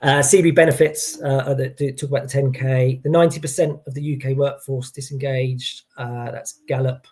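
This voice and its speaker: A man's voice: mid-range voice, steady tone, brisk, hardly any pauses, a little mellow. A man giving an informal expert explanation, hesitant, often restarting and qualifying his points. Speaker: employee engagement consultant as guest.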